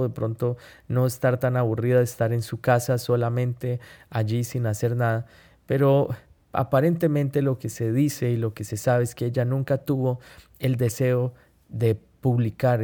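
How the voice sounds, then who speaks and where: Podcast guy, mellow warm voice, storytelling with lots of "eh" pauses. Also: medium pitch. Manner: unhurried, with frequent "eh" fillers and self-corrections. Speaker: podcast host. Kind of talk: reflective storytelling monologue.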